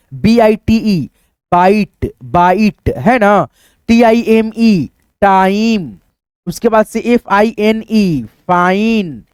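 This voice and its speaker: A man's voice: sits high, darkish tone, clear, resonant tone, dry recording, studio quality. A man teaching English phonics, spelling out words letter by letter and repeating each reading patiently for viewers. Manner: patient, repetitive. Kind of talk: spoken phonics lesson at a board.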